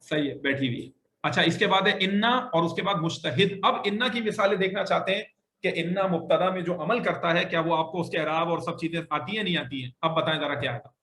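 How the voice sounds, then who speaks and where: A male Arabic teacher with a bright, high voice gives a grammar lecture in an echoey classroom that also has online students. He is patient, repeating sentences slowly and correcting his students.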